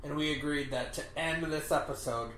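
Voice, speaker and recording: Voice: medium pitch, normal speed, fairly bright tone, distant mic. A podcast host in casual, playful, teasing chat, heard in an echoey room some way from the mic.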